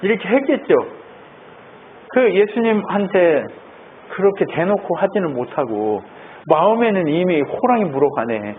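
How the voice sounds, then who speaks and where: A male pastor giving a sermon, talking in a lively way and asking the congregation questions. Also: high voice, a little slow, pauses often. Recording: tinny phone-like sound, faint noise.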